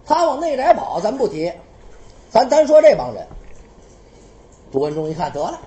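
A woman storyteller with a Beijing accent, narrating a traditional tale in an animated, colloquial way. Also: mid-range voice, moderate pace, roomy sound.

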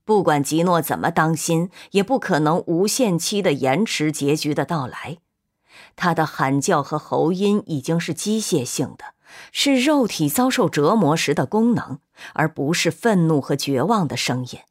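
A woman reads a literary novel aloud at an even, measured pace. Her voice sits on the lower side, calm and steady, carrying the scene without rush. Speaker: narrator. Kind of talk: scripted audiobook narration.

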